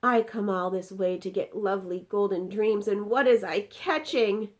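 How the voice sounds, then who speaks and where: A woman's voice: mid-range voice, moderate pace, pitched above the performer's own voice, natural voice. A woman voicing an indignant, distressed giant from a storybook, exclaiming in mangled grammar and drawing out words emphatically. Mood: frantic, anguished.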